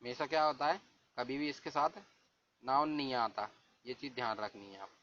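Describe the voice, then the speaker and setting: A man teaching English grammar in Hindi, reading English rules out slowly and asking and answering his own questions. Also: medium pitch, a bit bright. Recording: dull lo-fi recording with faint hiss.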